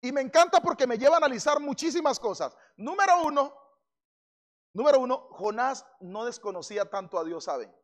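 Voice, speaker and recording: A man preaching a sermon as pastor, animated, asking his congregation questions and building to shouted emphasis. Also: very high voice, fast, hardly any pauses. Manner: asks the congregation questions directly.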